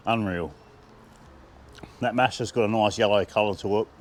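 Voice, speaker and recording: Australian man, food reviewer, casual and chatty, enthusiastic, quick laughs. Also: fairly low pitch. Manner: chatty, enthusiastic, laughs often, talks while eating.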